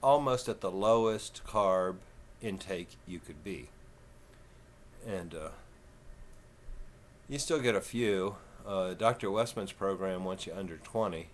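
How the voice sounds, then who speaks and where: A man in his fifties with a Texan southern twang, talking slow and folksy in a rambling, casual vlog. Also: low-pitched, slight background noise. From Texas. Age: 50s. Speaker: vlogger.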